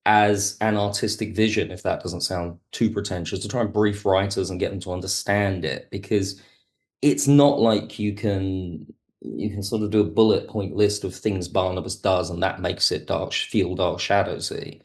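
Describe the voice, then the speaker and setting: An audio drama writer guests on a podcast, reflecting thoughtfully and analytically while carefully hedging and qualifying his points. He speaks at a moderate pace in a low voice.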